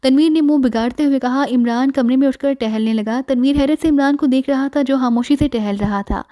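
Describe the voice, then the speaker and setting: A woman narrating a spy story audiobook, reading all the characters in one steady voice. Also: high-pitched, brisk, no echo, studio quality.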